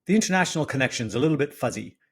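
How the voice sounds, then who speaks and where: A man's voice: mid-range voice, lively intonation, rapid-fire, husky. A man voicing a breezy, wealthy young British heir with a put-on upper-class British accent and a clipped, offhand way of talking. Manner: clipped and offhand, tossing in "old chap".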